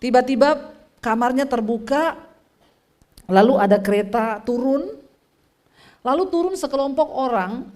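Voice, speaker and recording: Woman pastor preaching with animated storytelling. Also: measured pace, long pauses. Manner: storytelling with lively swings in pitch and loudness; addresses the congregation directly. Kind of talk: sermon.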